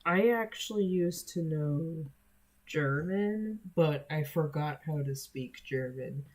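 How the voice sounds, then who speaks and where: This is a young adult US streamer, Spanish-speaking by birth, casually talking with viewers at a slow pace, full of fillers and hesitation. Pitch is medium and the tone slightly mellow.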